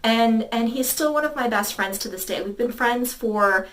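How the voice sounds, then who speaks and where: A woman's voice: on the high side, normal speed, fairly bright tone, distant mic. A woman in her thirties, a tarot reader, telling a personal story in a chatty, rambling way full of fillers and quoted dialogue. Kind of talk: casual storytelling to camera.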